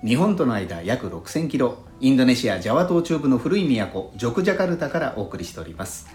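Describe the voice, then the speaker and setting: With a medium-pitched, very animated voice and a slightly fast delivery, the male host chats politely through listener letters using courteous, formal wording. Behind him, soft lo-fi flute jazz plays faintly in an echoey room.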